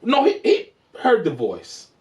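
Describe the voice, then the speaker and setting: Lively, high-voiced man joking around. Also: measured pace. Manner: animated, joking, laughs often. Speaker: co-host of a TV review show. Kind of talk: casual review chat. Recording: roomy, distant from the mic.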